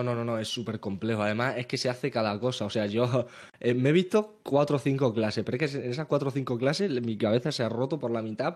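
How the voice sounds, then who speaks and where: Young Spanish streamer, casual chat, animated, repeats himself, mid pitch. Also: male voice. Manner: animated, repetitive, restarts often. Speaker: streamer and podcast co-host.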